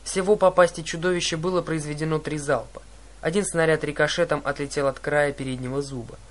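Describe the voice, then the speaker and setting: A man's voice: a little high, steady tone, a little fast. Dramatic male audiobook narrator. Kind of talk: scripted first-person narration.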